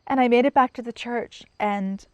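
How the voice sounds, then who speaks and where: Middle-aged woman, personal testimony, halting and emotional, dry close sound. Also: a little high, a little mellow, no room sound, dull audio. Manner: halting, emotional, with pauses and restarts. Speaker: interviewee telling her story.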